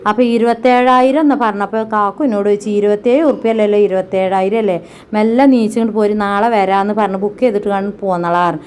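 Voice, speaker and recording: A woman's voice: mid-range voice, slight background noise. A woman, chatting to her viewers in a casual family vlog as she narrates her housework. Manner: chatty, talks straight to viewers. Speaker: family vlogger.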